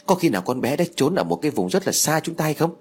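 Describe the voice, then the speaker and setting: A man's voice: fairly high pitch, very animated, quick pace, a little mellow, slightly rough, voice pushed up. A man reading an audio story, voicing an anxious young adult son explaining his search. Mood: worried.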